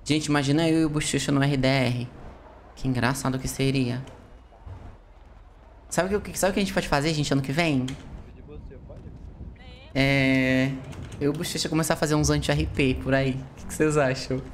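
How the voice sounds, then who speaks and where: Playful low-voiced woman streamer. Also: fairly even intonation, moderate pace, pauses often, slight background noise. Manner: playful, theatrical, jokey. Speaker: streamer playing a role-play character. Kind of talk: game role-play, casual chat.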